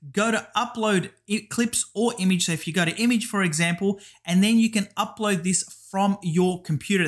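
A man with a high-pitched voice leads a screen-share tutorial. He talks through each step in turn and keeps saying "guys" and "over here". The delivery is casual and instructional. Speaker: YouTube tutorial host.

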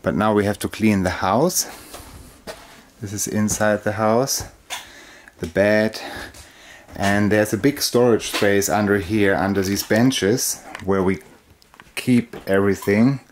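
Deep-voiced man narrating a relaxed vlog. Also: slow, a little hiss or hum. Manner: relaxed, chatty, laughs often. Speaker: travel vlogger. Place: outdoors on a small island by the sea.

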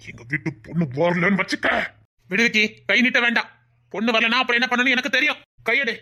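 A performer with a Tirunelveli Tamil accent acts a furious father in a family drama, scolding, shouting and threatening over a missing daughter. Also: medium pitch, fast. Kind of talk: village family drama acting.

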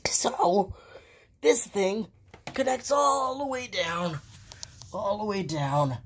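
A woman with laryngitis, her voice lost to a hoarse, breathy, cracking whisper, grumbling and swearing sarcastically through a casual phone vlog. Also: mid-range voice, slow, slight background noise. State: hoarse with laryngitis, occasional coughing. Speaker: gamer showing a home setup. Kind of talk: casual handheld vlog commentary. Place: small room at home with wooden floor. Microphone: handheld phone.

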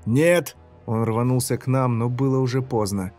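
A man narrates a first-person horror story in a measured, dramatic manner. His voice is mellow and of middling pitch. Faint music plays underneath. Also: steady tone.

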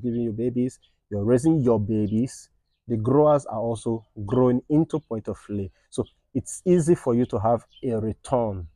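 In his thirties, this snail farmer and channel host offers earnest, informal farming advice to a phone camera held at arm's length, standing under a tin-roofed outdoor shed on his snail farm. His medium-pitched voice is warm and the recording is dry. He keeps repeating points and checking in with "right?" and "all right."

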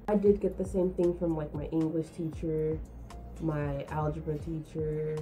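A young woman tells a candid story in a casual storytime vlog, rambling with fillers. Her voice sits fairly low and sounds dark and mellow. Faint music plays underneath. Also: little pitch movement, measured pace, rough recording. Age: young adult. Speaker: vlogger.

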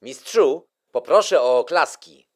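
A man's voice: mid-range voice, lively intonation, a little slow, faint music behind. A man voicing a friendly little water-powered toy robot, his speech run through a robotic filter and played back from the toy's speaker. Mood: polite. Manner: cheerful, stiff machine-like delivery. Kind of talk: toy sound clips in a product ad. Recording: distant toy speaker, roomy.

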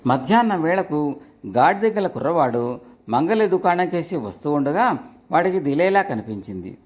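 A man narrating a folk tale in an expressive storybook reading. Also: a little high, normal speed.

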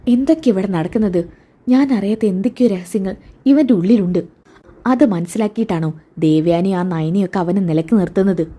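A woman voicing a middle-aged mother who is suspicious and defiant, throwing sharp, probing retorts in a storytelling retelling of a TV serial. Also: medium pitch, fairly quick, close to an everyday voice.

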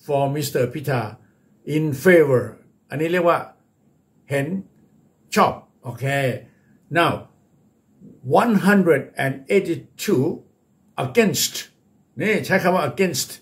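Thai guy teaching english words, super slow and careful, kinda high voice, repeats stuff. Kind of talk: bilingual vocabulary lesson.

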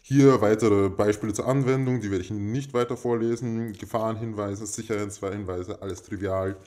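A man makes a mock-formal giveaway announcement as host, speaking in a pompous, stilted and deadpan manner. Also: lowish voice, brisk. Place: indoors in a home.

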